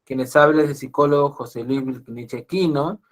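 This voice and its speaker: A man's voice: mid-range voice, fairly quick. A Peruvian psychologist giving an online lecture to an audience, often repeating and restarting his phrases. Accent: Peruvian Spanish. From Peru. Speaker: psychologist giving a webinar talk.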